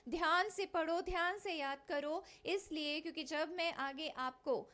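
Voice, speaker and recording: Slow high-voiced woman teaching grammar. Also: bright, forceful tone. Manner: explains slowly, drills pronunciation by repeating words; mixes Hindi and English, addresses students directly. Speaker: English teacher. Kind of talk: exam-prep grammar lesson.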